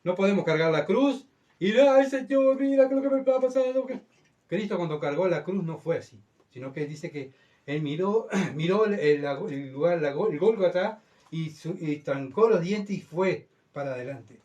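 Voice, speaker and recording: A man with a Uruguayan accent preaching a sermon as pastor, swinging between loud, urgent outbursts and hushed, low stretches. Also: normal speed, distant mic, muffled recording. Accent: Uruguayan Spanish.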